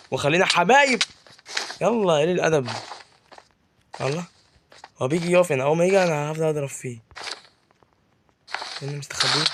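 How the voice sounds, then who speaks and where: There's background noise behind this young man's slightly high voice. An Egyptian Arabic-accented gaming YouTuber, he keeps up joking, chatty gameplay commentary and talks to the mobs like an interviewer.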